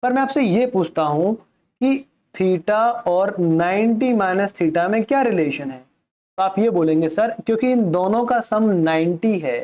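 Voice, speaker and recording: Male math tutor, unhurried lecture delivery with a warm tone that drops English terms into his Hindi. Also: sits high. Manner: keeps asking the class questions and answers them himself. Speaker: math teacher.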